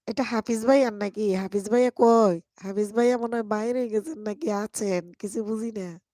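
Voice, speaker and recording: A woman hosting a casual live stream and reading out comments, hoarse from a cold, laughing a lot and drawing her words out. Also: mid-range voice, steady tone, mellow, no room sound, clean studio sound. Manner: laughs a lot, slow and drawn-out.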